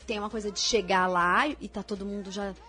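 A woman's voice: medium pitch, steady tone, fairly quick, pushed and bright. A woman from inland São Paulo state, chatting as an interview guest, laughing often and acting out quoted lines. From interior of São Paulo state, Brazil. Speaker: interview guest, video creator. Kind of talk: casual interview chat.

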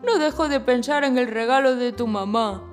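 Woman as a high-voiced gentle papa penguin. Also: moderate pace, faint music behind, lightly acted. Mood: gentle, pensive. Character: gentle, affectionate father penguin. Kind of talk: children's audio story acting.

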